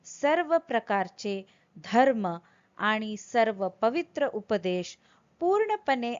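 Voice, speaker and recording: A woman teaching devotional verses in a deliberate recitation style, over-enunciating and separating each word clearly. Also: medium pitch, dull audio. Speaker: teacher of Sanskrit hymn recitation. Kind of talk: slow scripture recitation with explanation.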